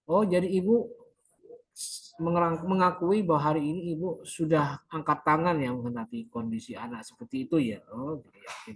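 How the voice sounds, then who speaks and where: A patient family counselor answers in slow, soothing summaries, as a male lecturer acts him out in class. He speaks gently and reassuringly, with unhurried phrasing. The voice is the speaker's own plain one. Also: sits high, husky, full character voice, rough recording. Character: calm, accepting family counselor.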